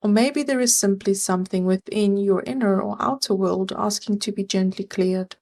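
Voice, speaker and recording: This is a scripted guided meditation led by a woman of medium pitch. She delivers calm, gentle and carefully measured instructions.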